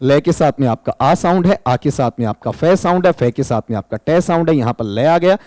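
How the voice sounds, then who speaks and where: Man, teacher, higher voice, patient step-by-step explaining, dry close recording. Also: expressive, brisk, darkish tone, no room sound, low-quality recording. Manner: addresses students as "beta", spells sounds out one by one. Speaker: exam-prep English teacher. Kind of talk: explaining exam answers in a recorded lesson.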